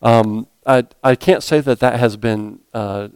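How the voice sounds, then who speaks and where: A man's voice: mid-range voice, unhurried, a little mellow, clear, resonant tone, no room sound. A man preaching a sermon as a pastor, talking conversationally with frequent fillers and self-corrections.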